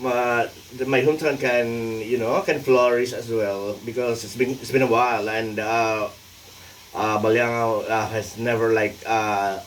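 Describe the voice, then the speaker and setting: A Filipino man in his forties, talking alone in a rambling vlog, halting and full of fillers, playful at times. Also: mid-range voice, steady tone, recorded from a distance, a little hiss or hum. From Philippines. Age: 40s. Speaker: vlogger and tax consultant.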